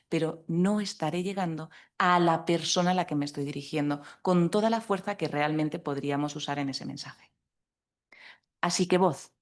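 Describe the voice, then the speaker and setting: A woman from as a communication trainer, giving a practical, lively talk that speaks directly to an audience in a conference hall. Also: fairly low pitch. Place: conference hall at a law association.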